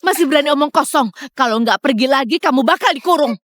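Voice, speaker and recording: A scheming servant woman with a high voice, sly and fawning to her master. The dub is close and dry. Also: animated, quick pace, fairly bright tone, no echo. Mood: scornful. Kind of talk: dubbed short drama.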